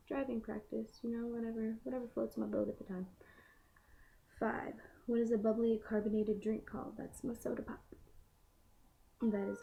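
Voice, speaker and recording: A woman's voice: mid-range voice, vocal fry. A young adult woman chatting casually to the camera in a rambling, informal, slangy way, as a vlogger answering questions. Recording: muffled home recording, faint background noise.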